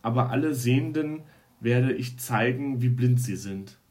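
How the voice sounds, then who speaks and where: Calm, solemn male teacher, read by a man, slow and measured. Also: medium pitch, close to an everyday voice.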